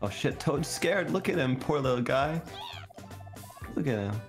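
A man in casual gaming chat, explaining the game playfully and a bit haltingly. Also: medium pitch, lively intonation. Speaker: streamer explaining a party game. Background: game music.

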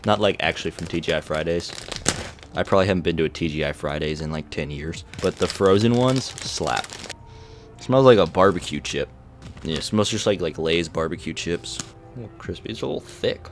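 A man's voice: low-pitched, a little fast, soft background music. A man casually chatting through a snack taste test, joking and reacting with exaggerated disgust. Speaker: vlogger reviewing snacks.

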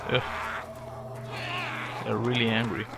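Gravelly, slow-talking gamer muttering curses. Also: male voice, mid-range voice, completely flat delivery, heavy background noise. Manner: muttering to himself, terse curses at enemies. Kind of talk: gameplay commentary. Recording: loud gunfire behind the voice.

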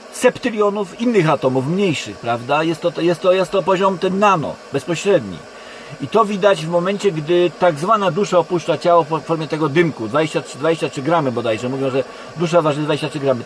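A Polish man giving a rambling monologue to camera from inside a car, speaking haltingly and often correcting himself. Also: fairly high pitch. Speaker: online video creator. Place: inside a parked car in a forest. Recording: constant background noise in a car. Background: steady background hum.

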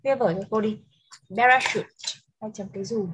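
A woman teaching an English lesson over a video call, switching between Vietnamese and English and repeating words slowly for dictation. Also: mid-range voice, a bit bright, slight background noise, poor audio.

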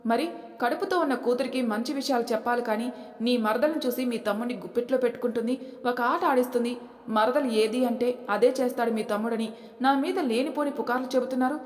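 A woman's voice: a little high, fast talker, lightly acted. A woman voicing an outspoken young daughter-in-law. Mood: defiant. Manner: firm, pointed. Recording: echoey reverberant room.

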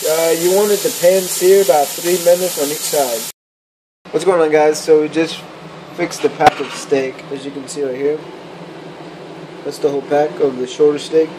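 A young man talks through his cooking on a handheld camera in his kitchen, easygoing and plain-spoken, with a fair number of ums and uhs. His voice sits a little high for a man. The audio is noisy, with a steady appliance hum behind him. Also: normal speed. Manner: relaxed, matter-of-fact, uses fillers. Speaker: vlogger. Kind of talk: casual cooking vlog. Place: home kitchen indoors, then a car. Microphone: handheld camera close, at times set down.

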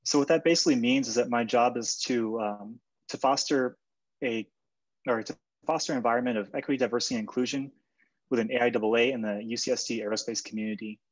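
Young man, measured and a bit formal, muffled video-call sound. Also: mid-range voice. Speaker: equity coordinator. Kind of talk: casual club meeting introduction. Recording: dull lo-fi video call audio.

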